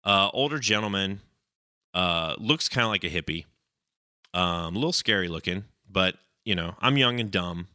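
A man's voice: animated, normal speed, pushed and bright, dry recording, studio quality. A young man hosting a podcast, telling a long personal story in a rambling, casual way and acting out the people in it. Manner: rambling, acts out quoted voices with raised pitch.

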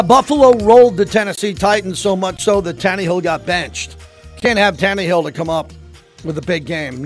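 High-voiced, emphatic American sports radio host. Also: male voice. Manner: emphatic, repeats phrases for emphasis. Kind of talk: opinionated sports talk radio. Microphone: close studio microphone.

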